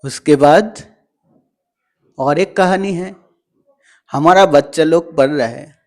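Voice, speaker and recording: A man's voice: fairly high pitch, takes it slowly, darkish tone. A man teaching parents in a motivational talk, explaining patiently and sounding words out syllable by syllable.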